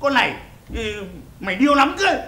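An actor playing a crude, mocking middle-aged neighbor. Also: male voice, extremely high pitch, very animated, brisk, sharp tone, full character voice. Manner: teasing, drawling. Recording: echoey room, music behind.

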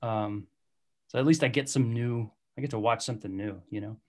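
A man's voice: medium pitch, fairly quick. Hungover man hosting a casual film podcast. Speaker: podcast host. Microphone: video call.

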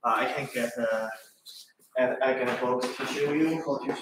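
A man's voice: medium pitch, moderate pace, a bit bright. A young man demonstrating a product, speaking hesitantly with many fillers. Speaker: sales staff demonstrating products. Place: large echoey warehouse showroom. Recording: echoey room from far off, background noise.

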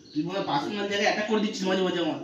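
A man's voice: high-pitched, rapid-fire, lo-fi sound. A man chatting casually and playfully while playing with his dog outdoors, laughing and scolding it. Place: outdoors in a village. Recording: echoey, far from the mic, crowd behind.

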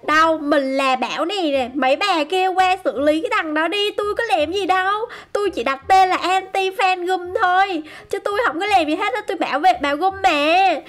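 High-pitched woman, chatty game commentary, keeps exclaiming to viewers. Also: moderate pace, few pauses, fairly bright tone. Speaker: gaming YouTuber.

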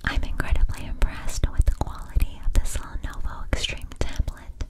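Young woman in a soft ASMR whisper. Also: moderate pace. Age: young adult. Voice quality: soft, breathy unvoiced whisper. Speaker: ASMR creator. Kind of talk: whispered ASMR sponsor read.

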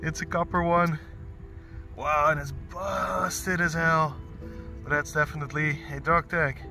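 Excitable man, slow-spoken, fairly high voice, outdoors in a field, metal detecting chat. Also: gravelly, music in the background. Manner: excitable, whoops and laughs a lot. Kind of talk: excited casual field commentary.

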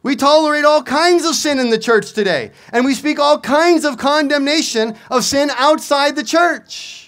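Standing at an outdoor lectern with a stand mic, a middle-aged preacher delivers his sermon at normal speed in a fairly high, fairly bright voice. He pounds his message in by repeating it and keeps posing rhetorical questions.

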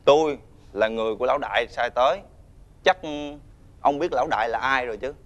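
An actor playing a menacing male debt-collecting thug, talking loudly and scornfully. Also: medium pitch, fairly quick, highs cut off, close to an everyday voice. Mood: threatening. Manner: loud, scornful, ordering others around. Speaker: debt collector's henchman leader. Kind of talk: TV fairy-tale drama acting.

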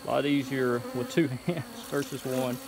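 A man in his thirties walks the listener through a beekeeping chore in a relaxed, step-by-step way. He records outdoors in a bee yard on a handheld phone. Insects hum clearly all around him. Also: medium pitch, normal speed. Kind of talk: casual how-to vlog. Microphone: phone camera held while working. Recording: outdoor noise with buzzing bees. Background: insects buzzing outdoors.

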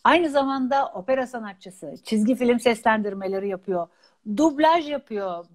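A woman moderating a casual live talk stream, chatty and asking questions with quick interjections. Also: a little high, lively intonation. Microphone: phone on a live video stream.

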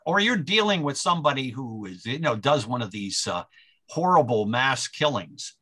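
An older man, an author being interviewed, explaining his views in a measured way, often clearing his throat and pausing on filler words. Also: fairly high pitch, bright, forceful tone. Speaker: author guest. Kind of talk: conversational interview answer.

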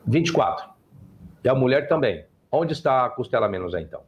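A man's voice: mid-range voice, fast talker, muffled recording. A Brazilian man hosts a live stream lecture, his voice rising and falling a great deal as he explains. He talks to his viewers and guests in a teacherly way, tagging points with short checks. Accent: Brazilian Portuguese. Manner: lively, lecturing, frequent "tá?" tags.

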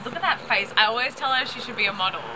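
A woman's voice: on the high side, animated, racing. A woman being interviewed on the street, bubbly, jokey and chatty. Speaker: interviewee, aspiring entertainer. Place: outdoors on a city street. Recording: noisy street with traffic.

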